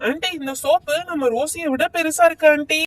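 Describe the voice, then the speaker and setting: A woman's voice: high-pitched, fairly even intonation, fairly quick, no echo, lightly acted. A woman with a Tamil accent voicing a cheeky, curious little boy who keeps calling aunty. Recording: dry distant mic.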